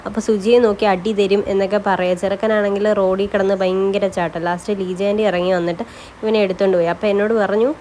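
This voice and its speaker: A woman's voice: mid-range voice, flat delivery, quick pace, mellow, slight background noise. A woman vlogging about her day in a chatty, casual way, often tagging friendly asides onto her sentences. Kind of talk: casual daily-life vlog narration.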